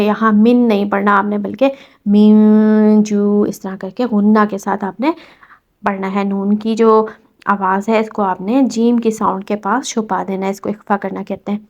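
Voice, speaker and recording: Woman calmly teaching tajweed, flat voice. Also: mid-range voice, dull audio. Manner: patient, step-by-step explaining with slow drawn-out recitation. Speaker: Quran recitation teacher. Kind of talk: tajweed lesson explaining rules.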